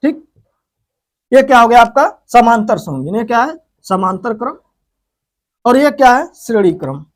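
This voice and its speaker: A man's voice: very high-pitched, big pitch swings, moderate pace, pauses often. Man teaching physics, self-quizzing. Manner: repeats questions and answers them himself, explaining step by step. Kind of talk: whiteboard lesson.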